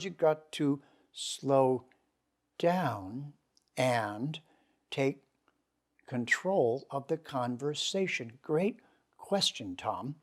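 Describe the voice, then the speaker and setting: Man lecturing, asking and answering himself. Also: medium pitch. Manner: emphatic, asks questions and answers them himself, slows for key words. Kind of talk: lecture to a seminar group.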